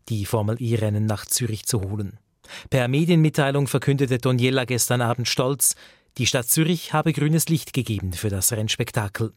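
A man's voice: mid-range voice, dry recording, clean studio sound. A male radio reporter reading a scripted news report in a matter-of-fact way.

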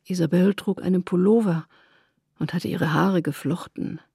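Female reader, calm measured storytelling, husky and low, dry recording. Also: no room sound. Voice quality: creaky, husky. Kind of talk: reading a short story aloud.

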